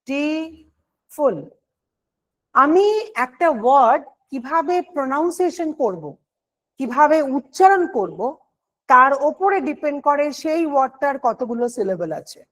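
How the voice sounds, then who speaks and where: A woman's voice: high voice, expressive, normal speed. A woman teaching an online grammar lesson for exam prep, explaining step by step and answering her own questions.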